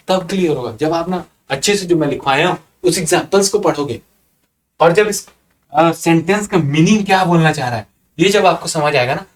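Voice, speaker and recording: High-voiced Indian man teaching grammar. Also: distant mic. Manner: reads example sentences slowly, then explains with repeated rhetorical questions. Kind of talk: grammar lecture.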